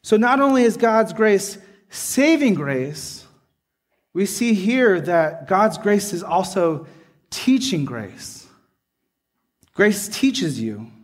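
High-voiced, slow-preaching man. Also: sing-song. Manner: earnest preaching with frequent "right?" asides. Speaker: pastor. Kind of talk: sermon.

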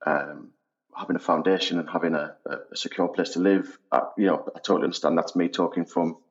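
A man around forty with a Sunderland twang speaks in a very low voice. He talks reflectively, as a guest in conversation, and the audio is a little dull and lo-fi. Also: fairly even intonation, quick pace. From Sunderland, North East England. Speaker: podcast guest, housing operations head. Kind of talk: conversational interview answers.

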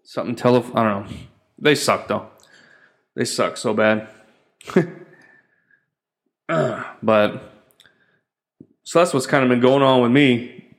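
Guy ranting casually about his week, swears a lot, rambles, middle pitch. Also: takes it slowly, pauses often. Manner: profane, rambling, exasperated storytelling. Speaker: host. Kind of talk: casual rant to camera.

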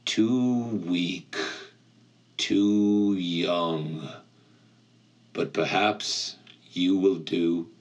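A man's voice: muffled recording, heavily acted. Fields: Figure: a man playing an ancient evil voice from the abyss. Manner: cold. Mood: menacing. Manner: low, slow, menacing murmur. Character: ancient evil male voice from a pit, cold and amused.

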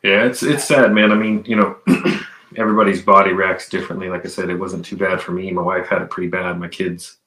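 A man's voice: low voice, flat delivery, fairly quick, bright, forceful tone. A man chatting casually as a podcast guest, with laid-back, slangy phrasing, recorded in an echoey room. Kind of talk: casual chat.

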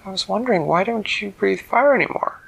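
A man voicing a polite, curious little girl with a high, eager voice. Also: expressive, fairly quick, gravelly, a bit bright, husky, full character voice, poor audio.

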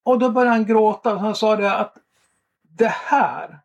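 Animated, high-voiced storytelling man. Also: creaky. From Sweden. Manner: animated, laughs often. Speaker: preacher sharing testimonies. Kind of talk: lively storytelling.

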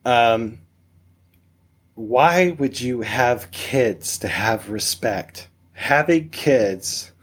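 A man talking as a guest on a parenting podcast, joking and emphatic, firing off rhetorical questions. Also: mid-range voice. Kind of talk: casual conversational interview.

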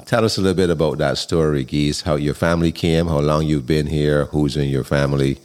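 A man hosting a podcast, reading his introduction in a measured, earnest way and interviewing guests at home. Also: a bass voice, fairly even intonation, a little mellow. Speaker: podcast host. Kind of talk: scripted podcast narration. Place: home kitchen.

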